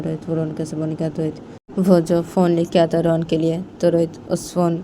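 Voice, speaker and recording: Brief: casual woman storyteller, lowish voice, noisy roadside recording. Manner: repetitive, plain retelling.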